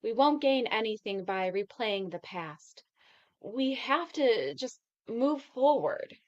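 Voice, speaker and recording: An actress playing a woman who is calmly letting go of a love, in a measured, resigned way. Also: a little high, dull audio. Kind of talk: stage play performed over video call.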